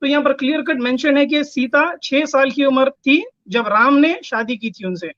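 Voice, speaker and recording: A man's voice: very high-pitched, normal speed, a bit bright, no echo. A man on an online debate panel cites his sources methodically and reads passages aloud in English. His voice arrives dull and lo-fi, as if over a call, and the sound is close and dry. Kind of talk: citing references in an online debate.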